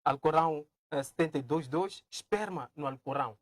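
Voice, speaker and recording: A man moderating a religious debate and putting halting questions to the guests. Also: fairly high pitch, no echo. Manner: frequent short acknowledgments, halting questions.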